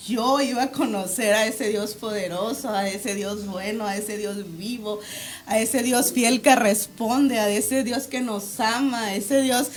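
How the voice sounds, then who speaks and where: A woman's voice: on the high side, a little slow. A middle-aged woman sharing a religious testimony as an interview guest, fervently reenacting her prayers aloud.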